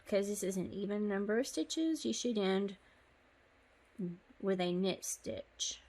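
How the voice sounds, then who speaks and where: A woman talks through a sock-knitting lesson in a relaxed, conversational way. She is chatty and a little apologetic, and fills her pauses with ums. She sounds like she is recording herself on a phone. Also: medium pitch. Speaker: knitting tutorial host. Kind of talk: casual step-by-step knitting tutorial.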